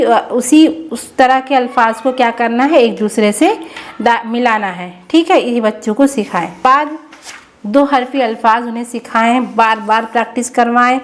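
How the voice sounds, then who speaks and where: A woman teacher explaining children's practice worksheets to parents, slow and patient, drawing out and repeating each word. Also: fairly high pitch.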